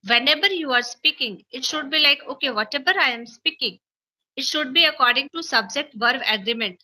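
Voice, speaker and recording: A high female voice comes through a rough recording, a little fast, pushed and bright. She teaches English, speaks with an Indian accent, and has Maithili as her first language; here she's being interviewed, offering learning tips earnestly and repeating phrases to underline them.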